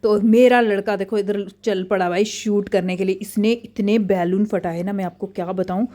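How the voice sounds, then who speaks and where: Woman vlogger, 30s, mom narrating a family outing, warm mellow voice, chatty and excitable. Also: mid-range voice, moderate pace. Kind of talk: casual chatty vlog narration.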